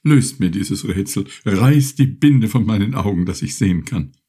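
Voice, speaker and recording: A man's voice: fairly low pitch, expressive, moderate pace, warm tone, breathy edge. A man voicing a lost, despairing young male fisherman who speaks in a raised, pleading voice.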